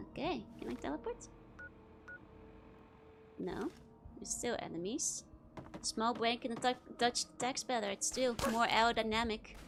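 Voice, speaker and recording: Casting: female VTuber, lightly high-pitched, giggly offhand let's play chatter, noticeably noisy game background. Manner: wry, giggly. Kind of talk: casual live let's play commentary. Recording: clearly noisy, game sound behind. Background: video game sounds.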